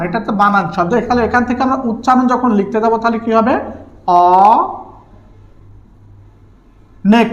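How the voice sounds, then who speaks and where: A man's voice: extremely high pitch, fairly bright tone. A man with a Bangladeshi Bengali accent, teaching an exam-prep grammar lesson. He keeps asking questions and answering them himself, drawing out key words. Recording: roomy, echoey room.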